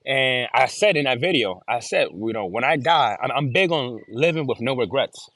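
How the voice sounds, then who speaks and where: A man's voice: mid-range voice, animated, moderate pace, a bit bright, dry recording. A man talking as an interview guest in casual chat, earnest and given to repeating and restarting his phrases. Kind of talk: casual video-call chat.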